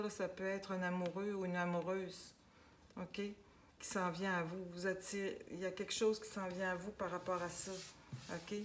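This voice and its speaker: A woman with a Québécois accent giving a casual tarot guidance talk, unhurried and hesitant with many fillers. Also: mid-range voice, a little hiss or hum. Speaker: tarot reader.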